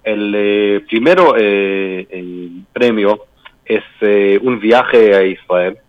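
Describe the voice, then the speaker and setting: Halting low-voiced man, foreign-accented non-native speaker. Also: no room sound, dull audio. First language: not a native Spanish speaker. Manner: halting, searching for words. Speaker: embassy political adviser being interviewed. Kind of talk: radio interview answers.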